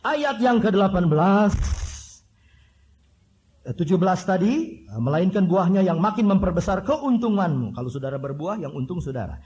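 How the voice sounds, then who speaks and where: A male pastor preaching. His voice sits high and swings widely as he jokes and acts out little scenes. A faint hum of room ambience lies under the sermon. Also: normal speed, lo-fi sound. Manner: animated, jokey preaching with impressions and whistle sounds.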